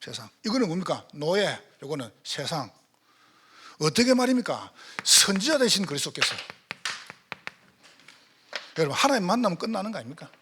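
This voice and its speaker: A man's voice: on the high side, big pitch swings, normal speed, long pauses, bright, forceful tone, slightly rough. A male pastor with a Gyeongsang accent, preaching a sermon in church and firing rhetorical questions at the congregation. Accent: Gyeongsang Korean. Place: church sanctuary.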